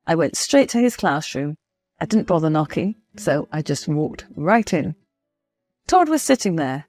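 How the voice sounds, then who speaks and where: A woman's voice: fairly low pitch, darkish tone, no echo. A woman narrating a first-person story in a confiding, storytelling manner.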